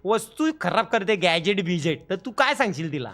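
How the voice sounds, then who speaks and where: A man's voice: high voice, sing-song, normal speed, a bit bright, soft background music. A man hosting a live stream, bossing around and teasing a voice assistant in joking chat. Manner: bossy, teasing, repeats commands.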